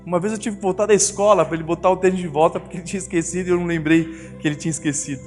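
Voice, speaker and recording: Speaking rapid-fire in a high voice with a steady tone, a middle-aged, Brazilian Portuguese–accented pastor fills his sermon with family anecdotes, performing his wife's and children's voices. The church hall recording has long reverb and music in it.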